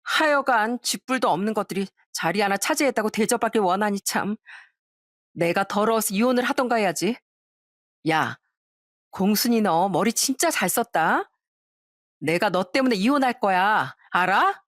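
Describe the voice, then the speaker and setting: Casting: a sneering, arrogant young sister-in-law, voiced by a woman, pitched high and lively. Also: moderate pace, no room sound, clean studio sound, close to an everyday voice. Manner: sneering, contemptuous.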